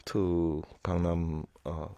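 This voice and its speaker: A woman's voice: very deep voice, level tone, drawn-out words, dark tone. A woman in her thirties co-hosting a radio show in casual on-air chat, sick with a cold and fever, laughing often and restarting her sentences. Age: 30s. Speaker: radio co-host.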